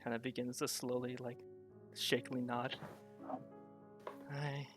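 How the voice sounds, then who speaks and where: A game master slowly narrating a tabletop role-playing scene, pausing and restarting as he searches for words. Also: medium pitch, flat delivery, over music. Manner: halting, searching narration with many fillers.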